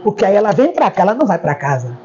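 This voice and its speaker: Warm-voiced woman telling stories. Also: medium pitch, racing. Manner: lively storyteller, repeats words for emphasis. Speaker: hair stylist. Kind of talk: interview storytelling. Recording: dull lo-fi recording, faint background noise.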